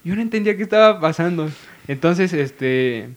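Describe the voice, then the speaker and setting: A man's voice: fairly high pitch, expressive, moderate pace. A young man with a Mexican accent, a podcast co-host telling a family anecdote in casual chat, laughing as he goes.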